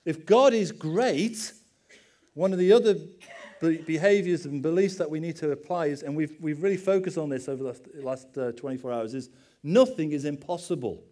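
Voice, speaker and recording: A man's voice: fairly high pitch, normal speed, mellow. A middle-aged man, a pastor giving a conversational sermon with personal stories and self-deprecating asides.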